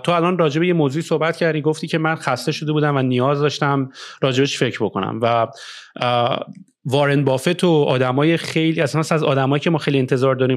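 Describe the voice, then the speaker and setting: A man from Iran talks through his startup experience in an easygoing podcast chat. His voice sits a little high, and he keeps sliding into English phrases between fillers and "you know". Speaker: startup founder. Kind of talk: casual podcast conversation. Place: Canada.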